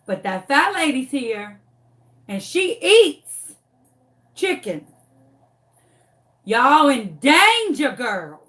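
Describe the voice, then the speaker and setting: A woman's voice: sits high, sing-song, very slow, pauses often, a bit bright, heavily acted. A woman voicing a sassy, streetwise female hunting dog that drawls taunts, in a storytelling vlog. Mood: taunting.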